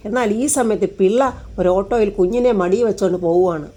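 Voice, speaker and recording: A woman narrating a TV serial episode review, briskly retelling the story and reading all the dialogue. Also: mid-range voice, dark tone.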